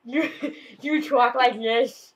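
High, giggly woman on a noisy home video. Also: fairly even intonation, slow pace, highs cut off. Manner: giggly, laughing between lines. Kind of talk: casual joking among friends.

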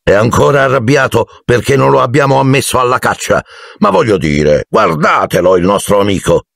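A man voicing a hearty, loud male ghost huntsman who mocks everyone around him in an audiobook. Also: mid-range voice, sing-song, moderate pace, gravelly, no echo, studio quality, pitched above the performer's own voice, full character voice. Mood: jeering. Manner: loud, mocking, jovial.

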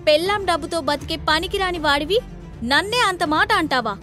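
A woman voicing a spoiled, hot-headed young man who shouts insults. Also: extremely high pitch, expressive, moderate pace, faint music behind, exaggerated voice. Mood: angry.

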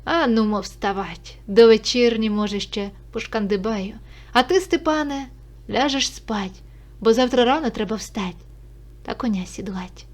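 A stern old Cossack father gives firm, worldly advice, voiced by a woman reader in a fairly high voice. The delivery is steady and instructive. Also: unhurried, natural voice.

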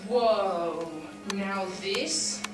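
A woman's voice: medium pitch, extremely slow, noisy background. A young teenage girl playing an awestruck ice harvester in a school stage musical, recorded from far off in an echoey auditorium. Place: theatre stage, distant audience camera.

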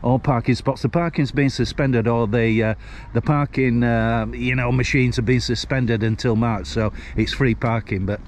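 A man in his sixties with a Northern English accent vlogs while walking along a seafront street, filmed on a handheld camera. His mid-range voice is fairly even at a moderate pace, with a little hiss or hum, and his chat rambles in a folksy way.

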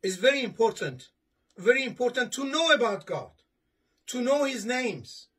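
An imam with a husky, high voice delivers a Friday sermon in an indoor study lined with bookshelves, recorded by a camera a few steps in front of him. He is very animated, speaks at normal speed with a fairly bright tone, and is earnest and repetitive, restarting often as he gestures while reading from papers.

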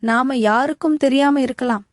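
A woman's voice: high voice, normal speed, dry recording, clean studio sound, natural voice. Woman reading a sly coaxing younger brother. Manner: coaxing, wheedling.

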